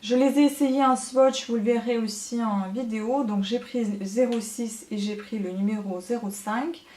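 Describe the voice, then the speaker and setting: A woman talking casually through a makeup haul as a beauty vlogger, chatty and often filling pauses with hesitations. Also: fairly high pitch, steady tone, mellow. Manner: chatty, many hesitant fillers. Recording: echoey room.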